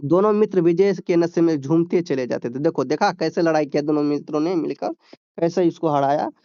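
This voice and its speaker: A man's voice: on the high side, fairly quick, warm tone, smooth, no echo, muffled recording. A male teacher, reading a textbook story aloud and explaining it in plain talk, often checking with "ठीक है?".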